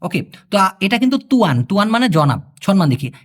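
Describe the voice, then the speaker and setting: A man from Bangladesh gives a casual language lesson in a fairly high voice. His pitch swings widely as he explains, and he repeats phrases slowly and quizzes his listeners as he goes. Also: big pitch swings. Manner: explains patiently, repeats phrases slowly, asks the viewer questions. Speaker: language tutor.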